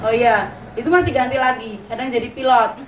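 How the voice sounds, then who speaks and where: A woman's voice: fairly high pitch, steady tone, fairly quick. A middle-aged woman with a Javanese accent gives a chatty, anecdote-filled religious talk to mothers, slipping in Javanese words. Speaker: religious teacher. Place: open pavilion hall. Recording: roomy echo, distant mic, ambient noise.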